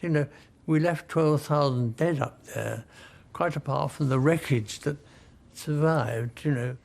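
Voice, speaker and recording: A man in his nineties recalls his past in interview. His voice is gravelly and fairly high. He talks haltingly, doubling back on his words. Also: a little mellow. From Britain. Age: 90s. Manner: halting, with restarts. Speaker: former prisoner of war.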